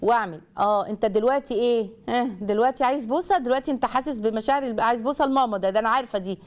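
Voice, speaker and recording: Egyptian woman, studio parenting host, very quick and animated, acts out the lines she quotes. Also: a little high. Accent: Egyptian Arabic. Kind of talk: lively advice talk to viewers.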